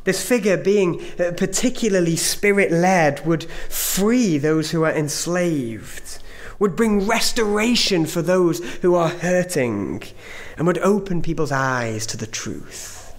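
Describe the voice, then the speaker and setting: Male preacher: unhurried, measured sermon delivery, emphatic pauses, somewhat higher-pitched voice. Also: lively intonation.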